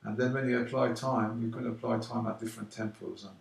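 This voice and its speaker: A man teaching a drum rhythm, explaining calmly and counting the beats out loud, slow and emphatic. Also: mid-range voice, vocal fry. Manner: counts beats aloud loudly and slowly between calm explanations. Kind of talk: casual drum lesson. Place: London. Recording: roomy echo, mic at a distance, drumming.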